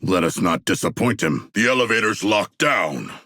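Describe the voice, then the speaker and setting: Gravelly, formal shark warrior, King Shark. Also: lowish voice, animated, moderate pace, bright, forceful tone, dry recording, studio quality, exaggerated voice. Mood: measured, dry. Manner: formal, stilted, articulate diction with grandiose turns. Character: erudite, polite, eager humanoid shark warrior. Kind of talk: video game character voice lines.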